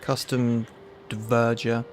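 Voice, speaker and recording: A man's voice: mid-range voice, completely flat delivery, takes it slowly, faint music behind. A man with a London accent, casually reading through a list of game mods with a friend. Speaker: streamer. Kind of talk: casual gaming chat.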